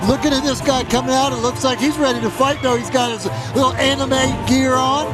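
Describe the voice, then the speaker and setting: A man's voice: very high voice, flat delivery, brisk, low-quality recording. A man co-commentating on live MMA fights in a casual, agreeable, folksy way. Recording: voice competing with loud music.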